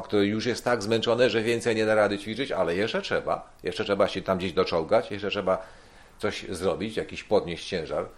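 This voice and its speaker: A man giving a measured sermon-style Bible teaching, explaining verses slowly and repeating key points. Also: lowish voice. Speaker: preacher.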